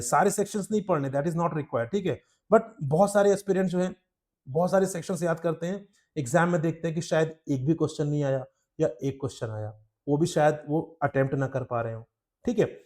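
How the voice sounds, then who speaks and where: This law exam tutor has a fairly high, darkish voice. He lays out strategy plainly, offering advice in a blend of Hindi and English and regularly pausing to ask "ठीक है?"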